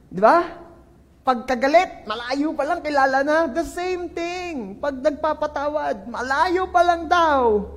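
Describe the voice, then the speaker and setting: High-voiced, animated pastor preaching. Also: male voice, takes it slowly, big-room sound. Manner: animated preaching, acts out quoted people, mixes English into Tagalog. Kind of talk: sermon. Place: church.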